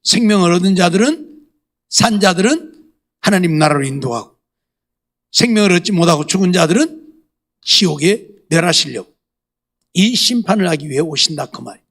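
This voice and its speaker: A man's voice: sits high, animated, moderate pace, long pauses, fairly bright tone. A middle-aged male pastor preaching a sermon, emphatic and scolding, firing off rhetorical questions to the congregation.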